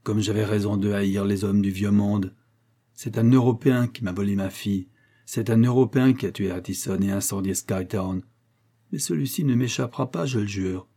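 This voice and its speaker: A ruthless billionaire spits out his scorn and vows of revenge, as a man reads him in an audiobook. The voice sits low and mellow, with a husky grain. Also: normal speed. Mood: vengeful. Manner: bitter, scornful and threatening. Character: vengeful ruthless male American billionaire. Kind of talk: audiobook character reading.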